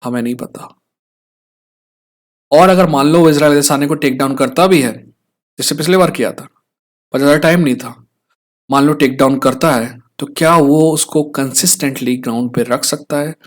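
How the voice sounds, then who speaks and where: A man's voice: on the high side, normal speed, pauses often. A young Indian man giving a casual fight breakdown, checking in with viewers through frequent tag questions as he talks. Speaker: fight analyst host. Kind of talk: casual explainer talk.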